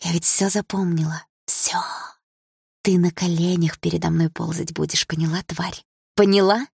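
Casting: woman voicing a high, taunting teen bully girl for an audiobook, creaky edge, dry sound. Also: fairly even intonation, normal speed, a little mellow, no room sound, exaggerated voice. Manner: taunting, shrill. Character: spiteful teenage girl bully, mocking.

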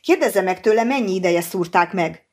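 A woman reading an audiobook, voicing a calm, cautious male scientist in measured, explaining tones. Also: mid-range voice.

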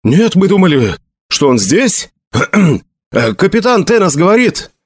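A man's voice: high voice, sing-song, unhurried, breathy edge, dry recording, clean studio sound, pitched above the performer's own voice, full character voice. A man voicing a messenger who rattles off his report. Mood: rapid. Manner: rattling patter. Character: young male messenger, fast-talking.

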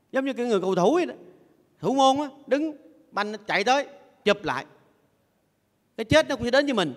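An older man, a Buddhist monk giving a playful sermon who has his audience repeat phrases after him. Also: high voice. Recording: long echoey hall reverb.

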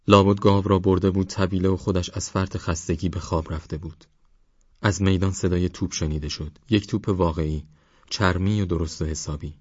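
A man narrating an audiobook in a steady, measured storytelling manner. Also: low voice, no room sound, lo-fi sound.

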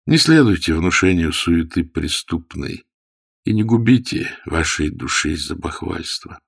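A man's voice: sits low, expressive, a little slow, vocal fry, a bit bright, husky, full character voice. A man doing a grave old commander. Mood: earnest. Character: older male commander, grave and earnest.

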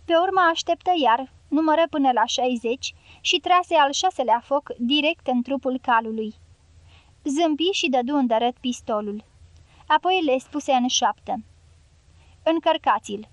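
High-voiced woman narrating an audiobook. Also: no room sound.

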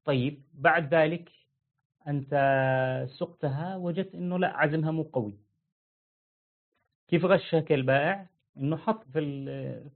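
A man teaching a religious lesson, explaining rulings with lively everyday examples and acting out buyers and sellers. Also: on the high side. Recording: tinny phone-like line.

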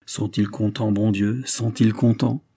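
A man's voice: on the low side, little pitch movement, unhurried, dark tone, breathy edge, no echo, studio quality. A man voicing a robust, devoted peasant servant woman who talks with blunt familiarity. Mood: joyous.

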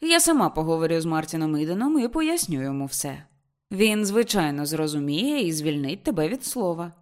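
A woman's voice: low-pitched, very animated, fairly quick. A woman voicing a proper middle-aged mother who speaks in a firm, reasoning, disapproving way.

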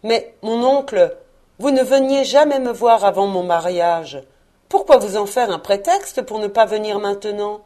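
A woman's voice: mid-range voice, measured pace, warm tone, close to an everyday voice. A woman playing an earnest, cheerful young man. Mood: pleading. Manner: pleading, earnest and upbeat.

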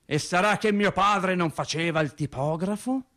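Defensive in mood, an actor voices a plainspoken factory husband with little education, recounting his story in a lively, colloquial radio-theatre monologue with hesitant repetitions. His voice sits high, at a moderate pace.

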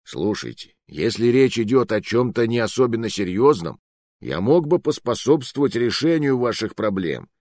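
A man's voice: mid-range voice, sing-song, moderate pace, darkish tone, dry recording, clean studio sound. A man voicing a mocking bearded officer captured by rogues, in an audiobook reading. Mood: ingratiating. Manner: sneering, scoffing. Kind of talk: audiobook narration.

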